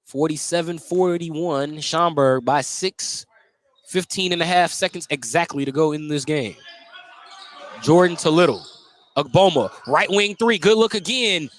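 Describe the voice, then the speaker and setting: A man calls a high school basketball game live on the radio, narrating the play in clipped, running phrases. He keeps a measured pace as the play-by-play announcer.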